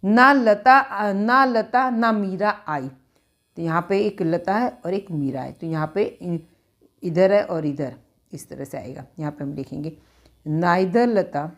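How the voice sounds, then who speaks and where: A woman's voice: on the low side, slow pace. A woman teaching English grammar step by step, repeating each phrase and mixing English words into her explanations.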